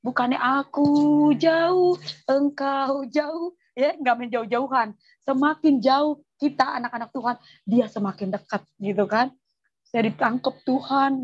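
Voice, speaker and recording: A high, husky woman's voice, telling an emotional church testimony and playing out each quoted line with animation. The recording is dry and slightly dull. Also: dry recording. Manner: animated storytelling, acts out quoted dialogue. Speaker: guest giving a church testimony.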